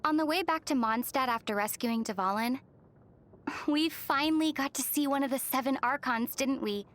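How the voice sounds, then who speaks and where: Lumine, a woman as a high-voiced young heroine. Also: normal speed, natural voice. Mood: musing. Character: young female traveller heroine, gentle and thoughtful. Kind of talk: video game voice acting. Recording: music behind the voice.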